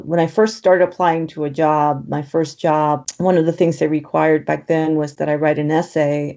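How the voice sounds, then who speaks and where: A woman's voice: deep voice, mellow, dull audio. A middle-aged woman from the Dominican Republic, Spanish accent, a podcast guest recalling her story reflectively, often circling back with "you know". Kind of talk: conversational interview.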